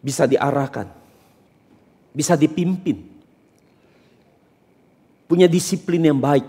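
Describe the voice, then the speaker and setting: A man's voice: a little high, takes it slowly, dark tone, husky, big-room sound. A man preaching a sermon as pastor, questioning and teasing his congregation with emphatic points. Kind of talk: interactive sermon. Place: church hall during a service.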